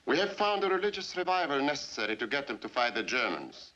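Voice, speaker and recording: An actor playing a cold, menacing Soviet general in a 1950s film. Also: male voice, medium pitch, big pitch swings, fast, sharp tone. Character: ruthless cold Soviet general, middle-aged man. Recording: dull 1950s film soundtrack.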